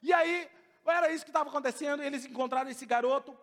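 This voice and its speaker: Brazilian pastor, really high voice, animated sermon, long church echo. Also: male voice, fast, creaky. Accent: Brazilian Portuguese. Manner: animated, asks the crowd questions. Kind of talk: lively sermon storytelling. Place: church hall. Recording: long church-hall reverb.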